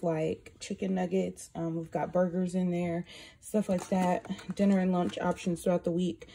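A woman's voice: mid-range voice, vocal fry, warm tone, slight background noise. A young woman vlogger chatting casually about her groceries, upbeat and full of fillers, filmed on a phone in her home kitchen. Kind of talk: casual grocery haul chat. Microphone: phone camera held close.

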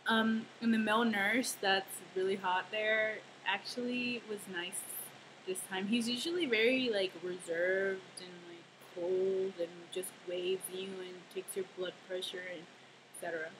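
Woman, casual home vlogger, rambling and self-deprecating, mid-pitched voice, hissy home recording. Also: fairly even intonation, unhurried. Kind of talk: casual weight-loss video diary. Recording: noisy home camera recording.

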